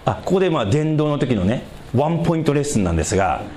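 A male pastor delivers a sermon, his voice leaping high and dropping low all the time. He sits a bit above the usual male pitch, and there is a faint hiss of noise behind him. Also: fast talker. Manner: animated preaching with big pitch swings and light laughter.

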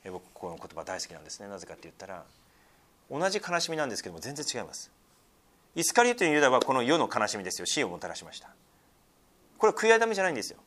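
A man preaching a sermon, reading scripture loudly and then dropping to soft, almost whispered asides, chatty and full of fillers. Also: fairly low pitch, sing-song, racing, slight background noise. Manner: conversational, with many fillers and tag particles. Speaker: pastor.

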